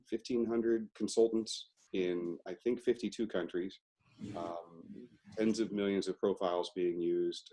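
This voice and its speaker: A middle-aged man, a company founder, telling his story as an interview guest and stressing key words with sudden jumps in pitch. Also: a little mellow.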